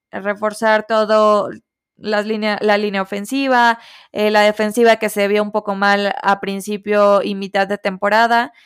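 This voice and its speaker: Opinionated young woman with smooth clear voice. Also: medium pitch, no echo, studio quality. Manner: opinionated, thinks aloud with many fillers and restarts. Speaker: sports podcast host. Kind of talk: casual solo commentary.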